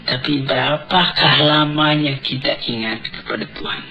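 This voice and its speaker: A man preaching a sermon on an old cassette tape recording, deliberate and emphatic, asking rhetorical questions. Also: mid-range voice, gravelly, dull audio, music in the background.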